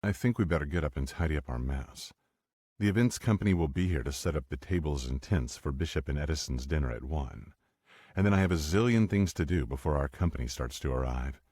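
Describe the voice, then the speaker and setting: A male narrator voicing a gentle, eager young man in an audiobook romance. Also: rumbling low, lively intonation, brisk, husky, dry recording, clean studio sound, heavily acted.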